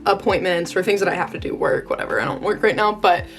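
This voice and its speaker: Talking fast in a lowish voice, a young American vlogger chats casually and gushingly, full of valley girl fillers such as "like" and "totally cute." Background music accompanies her.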